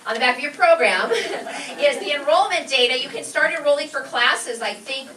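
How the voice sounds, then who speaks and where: In a community learning center's live event room, an American woman who teaches a class opens a show with a gushing, enthusiastic, casual welcome. Her high-pitched voice is animated, bright, and forceful, moving at normal speed. A far-off microphone gives a roomy sound with noise in the background.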